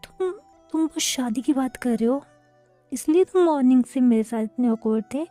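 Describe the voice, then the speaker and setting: A woman voicing a lively, teasing young man who sulks easily, talking in a playful, huffy way. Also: sits high, normal speed, faint music behind, close to an everyday voice.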